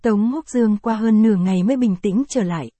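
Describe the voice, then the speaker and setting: Woman narrator, audio novel, steady, mellow tone, dry sound. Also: medium pitch, brisk, dry recording.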